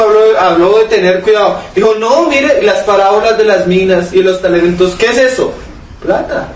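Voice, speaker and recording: A man preaching a sermon, asking rhetorical questions and reading scripture aloud to his listeners. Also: sits high. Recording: echoey room, mic at a distance, faint noise.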